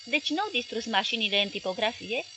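An outraged middle-aged newspaper owner snaps sharp, exasperated questions, as a woman reads him aloud in an audiobook. The voice sits fairly high and pushes louder than the narration around it. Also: expressive, slight background noise. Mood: indignant.

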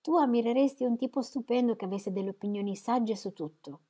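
A woman voicing an idle, proud young man in an audiobook, in a relaxed, slightly sulky tone close to her own voice. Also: fairly high pitch, brisk, voice pushed up, close to an everyday voice. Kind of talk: audiobook reading.

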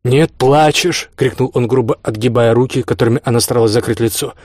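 A man narrating a classic novel in a steady, measured voice of middle pitch. The recording is close and dry, with no room sound. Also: no room sound. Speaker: audiobook reader. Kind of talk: scripted narration.

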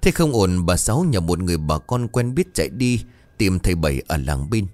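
A man narrating a scripted horror story in a dramatic, expressive way. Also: low-pitched, a little fast, dry recording.

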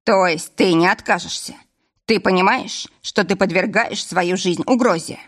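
A woman's voice: mid-range voice, normal speed, close to an everyday voice. A woman reading an audiobook voices a stern former police officer who speaks firmly and curtly. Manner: firm, commanding, curt.

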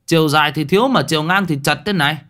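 A man's voice: low voice, sing-song, a little fast, pushed and bright, heavily acted. A man voicing an irritable old clansman who scolds in an exasperated, grumbling way. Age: older.

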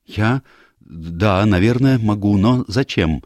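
Scared fiery young woman, urgent and pleading, voice pushed high, a man doing her. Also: animated, slow pace, a little mellow, no echo, clean studio sound. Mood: alarmed. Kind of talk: audiobook character voice.

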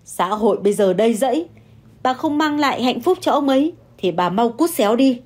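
A woman voicing a scheming young mistress who shouts, wails and pleads through tears. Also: fairly high pitch, animated, brisk, pitched above the performer's own voice. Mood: scornful yelling.

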